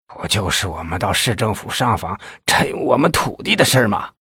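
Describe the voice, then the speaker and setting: A man voicing a hoarse, beaten male suspect in his thirties, speaking weakly in an audiobook. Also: lowish voice, fairly even intonation, slow pace, fairly bright tone, no room sound, studio quality, heavily acted.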